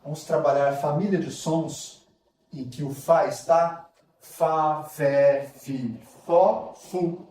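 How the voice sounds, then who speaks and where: Slow, patient Brazilian male teacher. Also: on the high side, fairly even intonation, darkish tone, recorded from a distance, slight background noise. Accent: Brazilian Portuguese. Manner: patient, drawn-out syllable by syllable. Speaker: literacy teacher. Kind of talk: slow spoken lesson, sounding out syllables. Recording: echoey room, voice off-mic.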